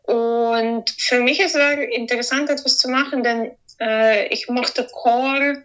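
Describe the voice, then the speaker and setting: A woman, a composer answering interview questions. She talks hesitantly, searching for words and filling pauses. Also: a little high, fairly even intonation, a bit bright, low-quality recording. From Ukraine.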